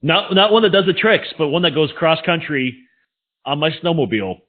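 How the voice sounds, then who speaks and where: Quick, joking American podcast co-host. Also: male voice, on the high side, lively intonation. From United States. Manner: joking, blunt, swears casually. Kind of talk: casual chat. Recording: tinny phone-like sound.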